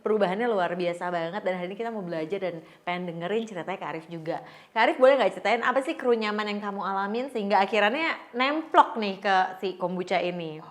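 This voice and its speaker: A woman's voice: mid-range voice, fast talker. A woman hosts a casual podcast interview. She talks informally, drops in English words and often repeats her guest's phrases back as she listens. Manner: echoes guest's words and gives frequent backchannels. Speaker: podcast host.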